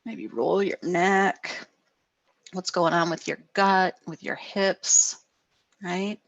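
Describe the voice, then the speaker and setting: A middle-aged woman counselor giving a gentle guided wellness talk over a video call, often asking "right?". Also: on the low side, steady tone, slow pace, no room sound, highs cut off. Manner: gentle, frequent "right?" tags.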